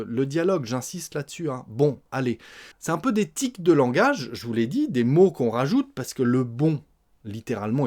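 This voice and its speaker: A man past his twenties teaching spoken French, explaining carefully and repeating example phrases slowly, often adding "hein". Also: medium pitch, a little mellow. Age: older than twenties.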